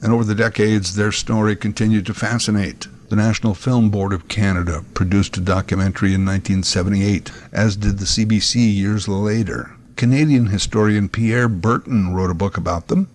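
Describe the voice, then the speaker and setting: A man's voice: on the low side, steady tone, fairly quick, hardly any pauses, darkish tone, a little hiss or hum. A man giving scripted documentary narration in a conversational way, recorded on a close microphone.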